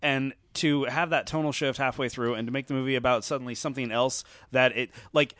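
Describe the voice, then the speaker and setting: A man talking in a relaxed podcast chat, animated and blunt, swearing freely and restarting his thoughts as he goes. His voice sits at an ordinary pitch, and the recording is close and dry with no room sound. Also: fairly quick, no room sound. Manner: animated, profane, restarts a lot. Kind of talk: casual chat, film criticism.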